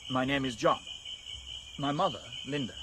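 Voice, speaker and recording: In a BBC radio drama, an actor plays an earnest young man raised in a remote village, speaking solemnly with a halting delivery. His mid-range voice is close to an everyday one, set against insect and cricket ambience and background noise.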